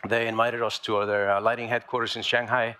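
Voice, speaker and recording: A man from Iceland giving a conference talk about his inventions on stage in a large lecture hall, speaking haltingly with many fillers and restarts. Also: fairly low pitch, level tone, sharp tone, clean tone.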